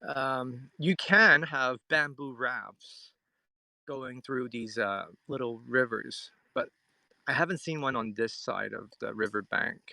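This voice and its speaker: Outdoors by a riverside, a man from Hong Kong chats casually with his live-stream viewers, musing as he reads and answers their comments. His mid-range voice is bright and forward with frequent vocal fry, and he takes it slowly. The sound is dry, with very little echo.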